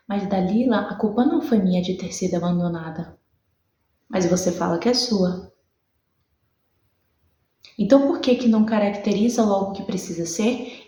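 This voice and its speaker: A woman's voice: mid-range voice, mellow, roomy sound. A woman with a Brazilian Portuguese accent preaching a sermon, emphatic and repetitive, acting out conversations.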